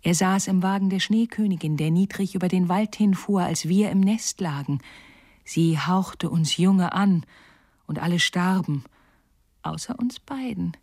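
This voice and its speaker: A woman voicing a pair of cooing wood pigeons in a storybook reading, in a hushed, breathy way. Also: fairly low pitch, unhurried, no room sound, clean studio sound.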